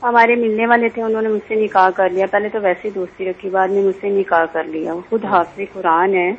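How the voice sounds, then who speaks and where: A woman caller telling her problem to a talk show, speaking softly and hesitantly over a muffled phone line. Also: mid-range voice, steady tone, gravelly, slight background noise. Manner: soft-spoken, hesitant, halting. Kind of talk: phone-in question.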